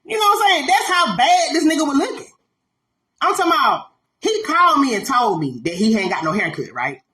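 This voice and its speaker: Brash, animated woman telling a story. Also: high-pitched, fairly quick. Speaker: podcast host. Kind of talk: casual storytelling to an audience.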